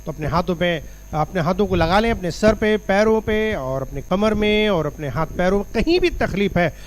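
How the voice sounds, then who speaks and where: A male pastor leading a forceful healing prayer, rebuking sickness and calling people to faith. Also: high-pitched, expressive, moderate pace, a little hiss or hum. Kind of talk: Hindi prayer and altar call. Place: church.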